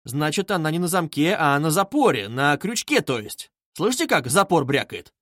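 A man reading aloud, voicing an excitable young male student who talks quickly and insistently. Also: a little high, no echo, studio quality. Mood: eager, urgent.

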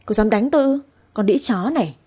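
Young woman, spiteful and sharp-tongued granddaughter in a spoken story, a woman voicing her; breathy tone. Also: fairly high pitch, lively intonation, quick pace. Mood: furious. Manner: sharp, resentful and quarrelsome.

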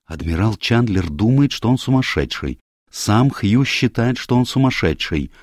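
A man's voice: on the low side, animated, a little slow, dry recording, clean studio sound, voice pushed up. A man doing a frightened young woman. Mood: frightened urgent. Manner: urgent, pleading. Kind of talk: audiobook character voice.

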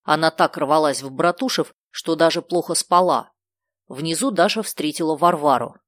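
A woman narrating a children's book in a steady, clear storytelling manner. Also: low voice, moderate pace, no room sound, clean studio sound. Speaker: audiobook narrator. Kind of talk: scripted narration.

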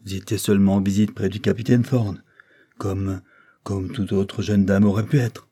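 A man's voice: lowish voice, little pitch movement, normal speed, mellow. A man voicing a sly barrister who coaxes and needles a witness in an audiobook. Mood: coaxing. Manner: coaxing and wheedling. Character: sly, insinuating male barrister.

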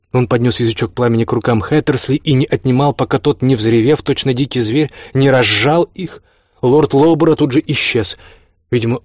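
A man reading a classic novel aloud in steady, measured scripted narration. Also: medium pitch, no echo, studio quality. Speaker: audiobook reader.

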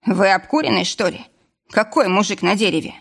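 A woman voicing a gruff, bearded, middle-aged male forester who scolds bluntly, in an audiobook. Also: medium pitch, a little fast. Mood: grumbling. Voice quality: rough.

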